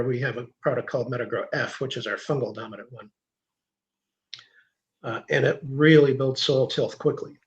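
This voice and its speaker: Guy explaining soil stuff, lots of uh's, kinda dull lo-fi audio. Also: mid-range voice. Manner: technical, hesitant with fillers. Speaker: guest agronomy expert. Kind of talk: explaining in conversation.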